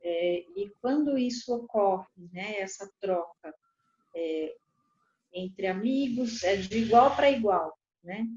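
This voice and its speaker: A Brazilian woman, a lawyer, explaining calmly and acting out quoted dialogue animatedly. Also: mid-range voice, takes it slowly. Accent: Brazilian Portuguese. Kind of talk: explanatory talk. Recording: dull lo-fi recording.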